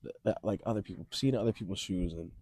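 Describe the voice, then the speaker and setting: A man's voice: low-pitched, fast talker, a little mellow, husky, no room sound. A young man chatting casually to camera in a hesitant, reflective way, outdoors in the cold, his voice shaky from shivering. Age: young adult. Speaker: vlogger. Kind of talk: casual, rambling advice chat to camera. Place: outdoors on a cold, windy, snowy beach.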